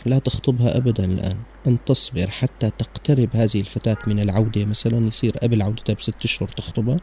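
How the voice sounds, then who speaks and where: Guy running a radio call-in, low gravelly voice, talks quick and calm. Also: slight background noise. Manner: calm advising, mixes formal and colloquial Arabic. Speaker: radio show host taking calls.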